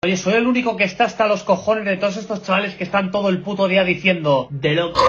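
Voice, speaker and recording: A man's voice: high voice, fairly even intonation, quick pace, fairly bright tone. A man complaining in a casual, colloquial, sweary and exasperated way. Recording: dull lo-fi audio.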